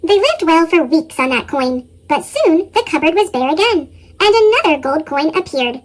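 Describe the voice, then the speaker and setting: Chipmunk voice storybook reader, super high squeaky pitch, swoops around a lot. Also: big pitch swings, normal speed. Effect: sped-up, pitched-up chipmunk voice. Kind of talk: storybook read-aloud narration.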